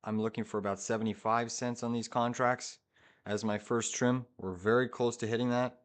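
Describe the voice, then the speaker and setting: A male day trader commentates live for his viewers in a medium-pitched voice. He sounds urgent and hyped, firing off short phrases and repeating them as he urges the market along. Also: steady tone, moderate pace.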